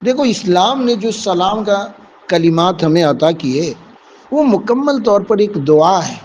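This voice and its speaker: A man's voice: high-pitched, expressive, darkish tone, highs cut off, slight background noise. A man teaching a vocabulary lesson, explaining English words one by one with Urdu and Hindi meanings and calling his listeners dear students.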